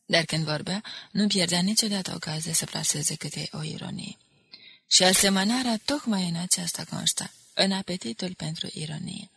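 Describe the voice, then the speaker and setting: A woman reading a novel aloud in measured scripted narration. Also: lowish voice, creaky, a bit bright, slightly rough. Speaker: audiobook reader.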